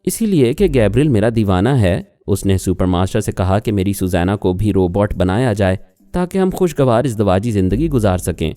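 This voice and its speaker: A man's voice: on the low side, expressive, warm tone, no echo, faint music behind, lightly acted. A man voicing a jealous young wife who accuses and argues, in an audiobook reading. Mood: defensive. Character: jealous young woman, sharp-tongued wife.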